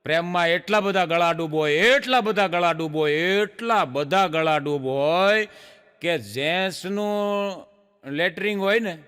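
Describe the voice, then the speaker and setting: A man's voice: high voice, unhurried, a bit bright, clear, resonant tone, long reverb tail. A middle-aged man telling jokes on stage as a chatty storyteller who stretches out his punchlines. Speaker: stand-up joke teller. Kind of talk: live stage joke telling.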